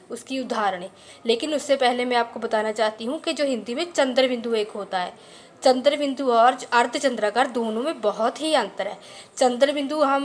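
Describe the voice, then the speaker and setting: A woman teaching a grammar lesson, patiently explaining and slowly repeating the key points. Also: a little high, a bit bright.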